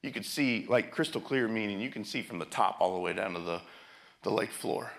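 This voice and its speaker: A man's voice: on the low side, fairly quick, gravelly. A man preaching a sermon as a pastor, telling stories and often restarting his phrases.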